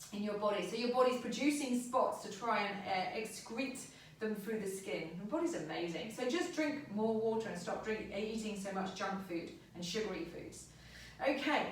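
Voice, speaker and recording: A woman's voice: a little high, slight background noise. A woman, a back pain therapist giving a chatty, emphatic health talk and repeating her advice. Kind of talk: informal health talk to camera. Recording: very echoey room, voice from a distance.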